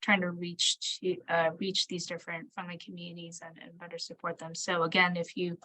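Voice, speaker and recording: A woman's voice: fairly low pitch, completely flat delivery, fairly quick, sharp tone, low-quality recording. A woman presenter answering questions off the cuff in an online session, tentative and conciliatory, often trailing off. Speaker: training presenter, local government staffer.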